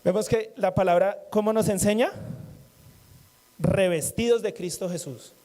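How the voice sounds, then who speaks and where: A man preaching to a congregation, his voice pitched high yet mellow and soft-edged. He talks like a conversation, repeating key phrases and tossing in light jokes. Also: measured pace. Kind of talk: sermon.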